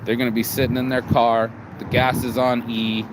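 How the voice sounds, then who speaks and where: A tired, low-energy man from Las Vegas vlogs outdoors in a city, street and traffic noise behind him. His medium-pitched voice is level, at a moderate pace. The monologue is casual and rambling, with profanity, many restarts, and repeated words.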